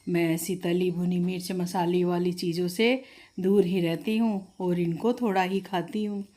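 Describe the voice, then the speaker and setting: A woman's voice: on the low side, little pitch movement, measured pace, dark tone, voice pushed down. A woman voicing a middle-aged mother-in-law who scolds protectively. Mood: doting. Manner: scolding, protective of her daughter.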